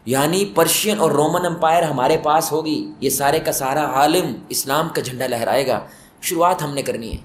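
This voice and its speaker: A man's voice: fairly high pitch, roomy sound, a little hiss or hum. A man preaching a mosque sermon, telling stories and putting questions to his listeners, with emphatic rising peaks. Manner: storytelling, asks the audience questions, rises to emphatic peaks. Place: mosque hall.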